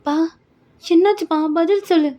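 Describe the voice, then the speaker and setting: A woman's voice: extremely high pitch, normal speed, mellow, pitched above the performer's own voice. A woman voicing a desperate young daughter who pleads through tears. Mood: tearful. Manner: pleading, tearful. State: crying.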